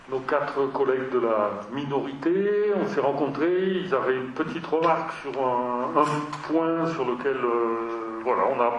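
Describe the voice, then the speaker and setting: A man chairing a town council meeting, talking hesitantly with many fillers and restarts. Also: mid-range voice. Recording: echoey room, mic far off, dull sound, faint noise.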